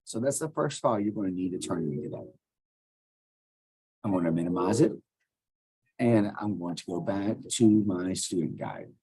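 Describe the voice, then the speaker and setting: A male teacher walks students through a computer task step by step, casually thinking aloud as he clicks in this screen-recorded software tutorial. His voice is low, dark and husky, with lively intonation. He speaks at a normal speed but leaves long pauses.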